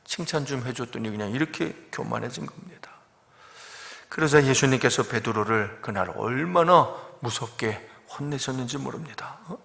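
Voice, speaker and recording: A male pastor preaching a sermon emphatically, with dramatic rises and drops in loudness. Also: mid-range voice, moderate pace, creaky.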